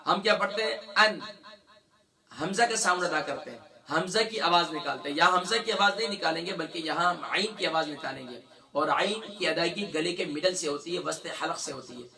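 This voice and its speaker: High, gravelly male Quran teacher. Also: sharp tone, recorded from a distance. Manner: asks the class questions, then answers them; drawn-out demonstration of letter sounds. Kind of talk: tajweed lesson.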